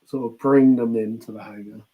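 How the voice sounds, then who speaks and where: A British-accented man co-hosts a podcast, chatting casually as he recaps a series and acts out quoted lines in passing. His voice is mid-range with fairly even intonation and a fairly quick pace. The audio has a phone-like quality with a little hiss or hum.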